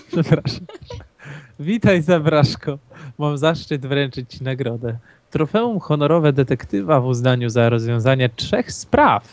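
A young man joining a casual game chat, playful and quick to agree. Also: medium pitch, dry recording. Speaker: co-host player.

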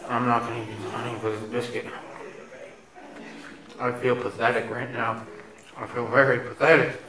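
A man's voice: medium pitch, level tone, normal speed, reverberant, far from the mic, a crowd in the background. A man doing a parody food review, talking muffled through a face mask with mock-melodramatic complaints. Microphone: head-mounted camera.

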